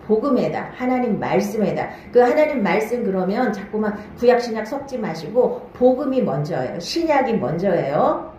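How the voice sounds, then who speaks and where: A woman's voice: mid-range voice, big pitch swings, normal speed, mellow, slight background noise. Woman preaching in a very echoey hall. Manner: keeps asking the listeners questions and checking they follow; marks each new point with a short "now then". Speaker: pastor. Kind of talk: Bible-study sermon. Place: church hall.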